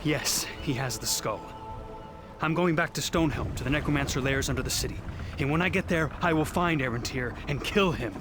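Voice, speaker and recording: A man's voice: medium pitch, fairly quick, music in the background, natural voice. A man voicing a young, determined and earnest warrior hero in a video game, resolute and plain-spoken.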